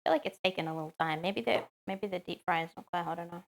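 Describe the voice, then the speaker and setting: A woman's voice: on the low side, very fast, gravelly. A woman chatting casually on a live stream while she cooks at home, answering chat with lots of "um"s.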